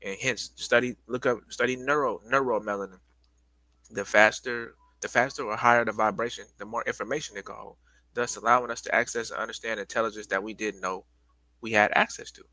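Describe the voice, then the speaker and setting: Breathless man lecturing his stream, bright and dry. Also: fairly low pitch, steady tone, fairly quick, no echo, poor audio. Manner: loose, repetitive, addresses viewers as y'all. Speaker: livestream host giving a presentation. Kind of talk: casual livestream lecture.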